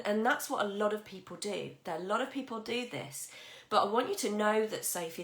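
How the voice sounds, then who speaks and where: A woman mindset coach talking to viewers on a live stream with a husky, croaky voice, chatty and encouraging, greeting people by name. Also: lowish voice, fairly bright tone, roomy sound.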